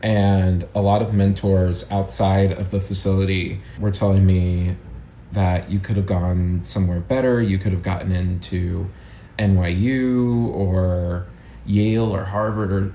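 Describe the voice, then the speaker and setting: Warm and low-pitched, this young adult American speaks at a moderate pace with fairly even intonation. He's an actor and acting educator appearing as an interview guest, casual, wry and self-deprecating. There's roomy echo and a faint hiss of background noise.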